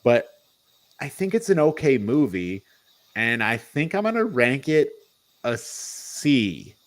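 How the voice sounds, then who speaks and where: In a casual panel chat, a podcast co-host reviewing movies thinks aloud in an informal, hedging way. His mid-range voice is sing-song, and he takes his time.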